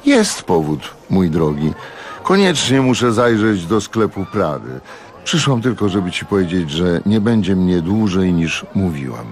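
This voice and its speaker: A man's voice: low voice, big pitch swings, measured pace. A man voicing a touchy, glamorous woman with a theatrical, indignant manner in a radio audiobook reading. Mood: conciliatory.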